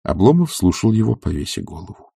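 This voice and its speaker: A man narrating an audiobook in an expressive, lively style. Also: low-pitched, brisk, vocal fry, slightly rough, no echo, studio quality. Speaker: audiobook reader. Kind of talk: scripted narration.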